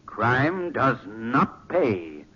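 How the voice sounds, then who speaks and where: An actor playing a sinister, mocking vigilante with theatrical menace in a 1940s radio drama. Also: male voice, medium pitch, sing-song, extremely slow, bright, forceful tone, breathy edge, heavily acted. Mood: menacing. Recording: muffled 1940s radio, organ behind.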